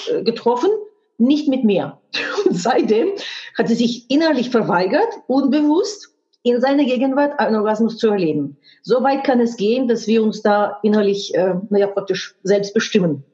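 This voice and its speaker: Animated and at a moderate pace, this woman has a high-side voice with a dark tone. A guest sex educator and hypnotherapist whose first language is not German, she speaks a non-native language frankly and emphatically in a candid chat, swearing earthily and restarting while searching for words, all on dull, muffled audio.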